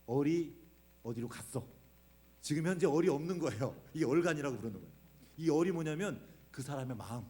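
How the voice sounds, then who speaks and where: A man's voice: medium pitch, mellow. A man preaching a Sunday sermon in a church. He often puts questions to the congregation and explains with homely everyday examples. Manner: asks the congregation frequent questions. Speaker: pastor. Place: church sanctuary.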